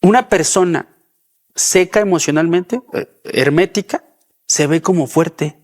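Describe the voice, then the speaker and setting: A man's voice: a little high, a little slow. A man, a podcast guest talking in a thoughtful, explanatory way. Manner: thoughtful, explanatory, repeats words when starting. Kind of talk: reflective conversation.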